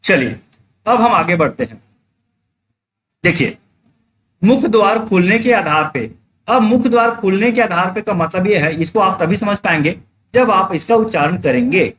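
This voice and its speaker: A man's voice: sits high, animated, normal speed, long pauses, fairly bright tone, slight background noise. A man teaching a live exam-prep class online, explaining step by step, repeating key points and checking that students follow.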